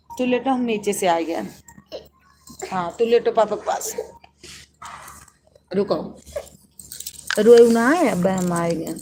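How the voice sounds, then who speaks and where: A woman's voice: medium pitch, a little mellow, a little hiss or hum. A woman with an Awadhi accent on a casual live stream, coaxing and soothing a sick child.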